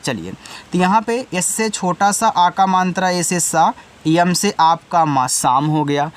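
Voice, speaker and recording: Male teacher with a high voice, patient and methodical, addressing his students directly. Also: a little slow. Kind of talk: online lesson. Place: indoors with wind outside.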